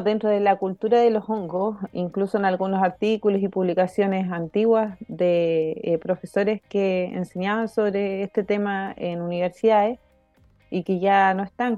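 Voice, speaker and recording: A woman, a guest explaining her field in a measured way during an interview. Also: mid-range voice, mellow, dry recording, highs cut off. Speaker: guest, mycologist and author. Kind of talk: interview answer.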